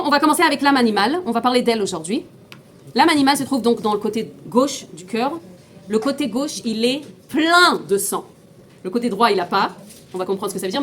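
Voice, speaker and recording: Woman teaching, slightly high voice. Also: a bit bright, a little hiss or hum. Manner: explains step by step, often asking the class questions; frequent restarts and repeated words. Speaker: teacher of a Tanya class. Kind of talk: informal classroom lecture.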